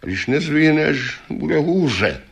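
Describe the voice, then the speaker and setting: A man voicing a wise magic talking horse that gives calm advice and sudden urgent warnings. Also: a little high, gravelly, husky, highs cut off, pitched above the performer's own voice, exaggerated voice.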